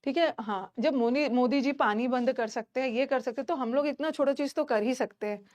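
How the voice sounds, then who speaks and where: A young Indian woman with a high voice teaches an online class. She talks in a chatty, emphatic way and keeps dropping fillers between points. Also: a little fast, a little mellow. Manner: chatty, emphatic, many fillers like "theek hai". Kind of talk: casual classroom talk to students.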